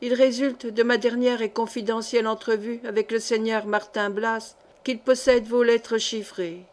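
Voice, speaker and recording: A woman's voice: fairly high pitch, little pitch movement, normal speed, lightly acted. A woman voicing a timid, submissive male seneschal in a storybook reading, speaking mournfully. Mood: dutiful. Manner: dejected, mournful.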